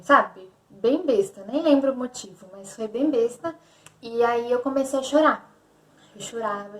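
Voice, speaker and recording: Young brazilian woman vlogging, kinda high voice, repeats herself a lot, sounds far off in an echoey room. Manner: candid, repetitive storytelling. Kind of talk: personal confessional vlog.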